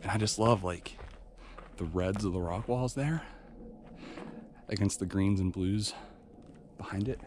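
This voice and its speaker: Hushed low-voiced man hiking outdoors. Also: a little slow, long pauses, slight background noise. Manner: hushed, half-whispered talk while hiking; relaxed, rambling, lots of fillers. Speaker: trail runner vlogging a hike. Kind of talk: casual outdoor vlog narration. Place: outdoors on a remote canyon trail.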